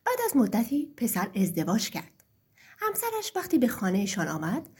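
A woman narrating a storybook tale in a gentle, expressive manner with a breathy voice. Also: a little high.

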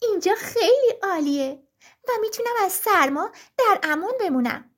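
A woman voicing a small, cold and hungry lark that pleads in a high, small voice in a storybook tale. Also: expressive. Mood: grateful.

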